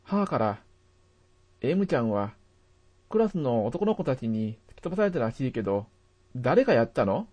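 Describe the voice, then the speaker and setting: A man narrating a first-person memory as a steady, measured scripted reading. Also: mid-range voice.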